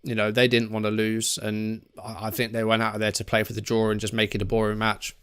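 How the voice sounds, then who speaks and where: A man's voice: fairly low pitch, monotone, brisk, fairly bright tone, clean tone. A man casually commentating his own football management game, chatty and reacting to each play with frustrated asides. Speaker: gaming YouTuber.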